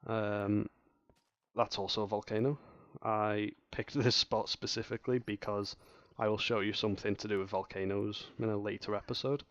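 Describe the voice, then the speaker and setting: A lower-pitched man talks through a game tutorial in a loose, rambling way, stumbling over restarts and fillers. His voice is dry and a little dull, like a lo-fi home mic, with faint music underneath. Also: little pitch movement, moderate pace, no echo. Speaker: gaming channel host. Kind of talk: casual gameplay tutorial commentary.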